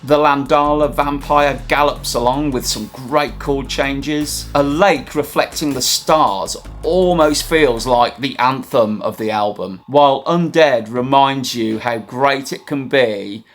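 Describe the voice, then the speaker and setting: A man's voice: medium pitch, slow, hardly any pauses, a little hiss or hum. A man presenting a scripted album review for his music vlog, enthusiastic and wry in a conversational way.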